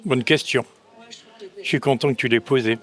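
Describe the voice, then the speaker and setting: A man giving an unscripted interview answer in a deliberate, halting way. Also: mid-range voice, a bit bright, soft background music.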